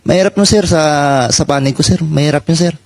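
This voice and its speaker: A man, a former marine, giving personal testimony in a halting way and saying "sir" after nearly every phrase. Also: a little high, gravelly, a little mellow, no room sound.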